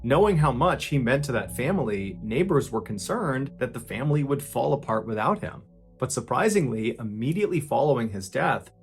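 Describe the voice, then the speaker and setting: Male podcast narrator, middle pitch, dramatic suspense delivery, soft music bed. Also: gravelly. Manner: suspenseful, swells louder at tense moments and drops low at grim ones. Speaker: podcast host and storyteller. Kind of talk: dramatic true-crime narration.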